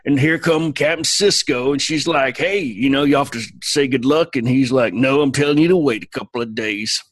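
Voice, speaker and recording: A boastful, crude Southern spaceman, as a podcast co-host puts him on, drawls through his story in a rambling, filler-heavy way. His voice sits at an ordinary middle pitch, recorded bone dry with no room sound at all. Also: normal speed, dry recording, close to an everyday voice. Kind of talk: comic in-character recap.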